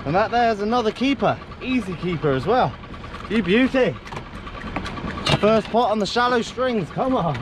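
A small-boat crab and lobster fisherman, maybe in his thirties, shouts out casual vlog commentary while hauling gear on an open boat. His high-sitting voice is animated and a little fast, with few pauses. A camera mounted a few metres away in the boat picks him up over loud engine and outdoor noise.

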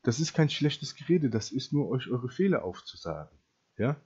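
Guy preaching hard at the camera, husky voice, keeps going "ja?", dull muffled audio. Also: medium pitch, sing-song, moderate pace. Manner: emphatic, keeps asking "ja?", repeats and restarts phrases, loudness swings widely. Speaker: preacher addressing Christians. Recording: dull lo-fi recording.

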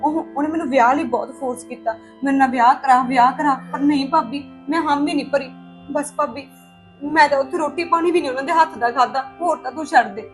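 A woman's voice: sits high, fast, soft background music, natural voice. A woman playing a young unmarried woman, earnest and resolute, in a Punjabi drama. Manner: earnest, insistent.

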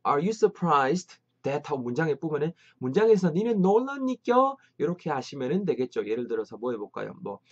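Lively man teaching English, dull recording. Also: mid-range voice. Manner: lively, drills English phrases slowly and repeatedly. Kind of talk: online English lesson.

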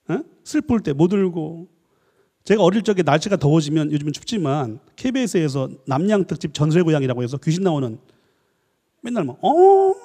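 A lecturing man with a high, hugely lively voice, joking and throwing questions at his audience. His tone is mellow and a little husky. The long reverb of a church hall rings behind every phrase. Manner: animated, jokey, asks the audience questions. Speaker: professor giving a lecture.

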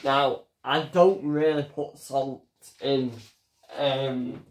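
A young man hosting a casual home cooking vlog, chatty and halting as he talks while cooking in a small kitchen. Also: medium pitch, fairly even intonation. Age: young adult. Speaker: home cooking show host. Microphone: fixed camera across the room. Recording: echoey kitchen, voice from far off.

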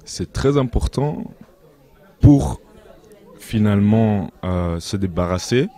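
A young man giving earnest interview answers, measured and pausing to find his words, into a handheld mic in a large indoor hall. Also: on the low side, darkish tone. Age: young adult. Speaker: interview guest, activist.

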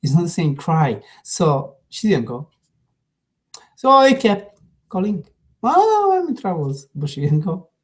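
A man giving a spiritual talk, telling a parable in an unhurried way with gentle pauses. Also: on the high side, very animated. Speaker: spiritual teacher.

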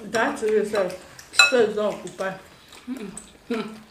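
A woman's voice: mid-range voice, takes it slowly, very noisy. A woman with a Nigerian accent bantering casually with her mouth full as she wolfs down food in an eating contest. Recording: echoey room, loud clatter of dishes and cutlery.

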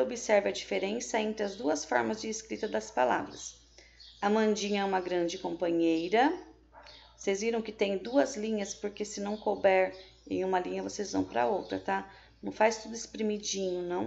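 A woman's voice: medium pitch, vocal fry, darkish tone, lo-fi sound. A woman with a Brazilian Portuguese accent, teaching a remote lesson to young pupils and explaining each step patiently, with frequent checks. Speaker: primary school teacher.

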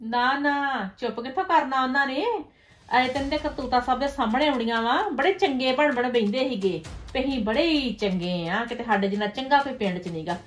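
Actress as meddling village aunt: high voice, gossipy, scolding, scheming; web series drama. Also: female voice, moderate pace, faint music behind, lightly acted. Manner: gossipy, scolding, ends remarks with "haiṅ?". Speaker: paternal aunt.

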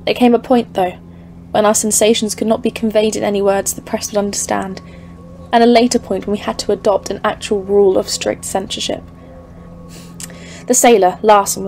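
In this audio drama, a woman plays a haunted thirty-four-year-old expedition leader, delivering scripted narration and dialogue in a grave, literary, foreboding way. Her voice is medium-pitched and darkish, and the acting is light. The recording is clearly noisy, with ambient sound in the background.

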